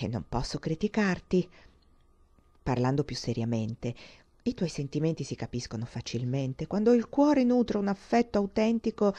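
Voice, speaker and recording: A woman voicing a flattering, effusive young woman in a dramatized audiobook reading, talking in a confiding, theatrical way. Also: mid-range voice.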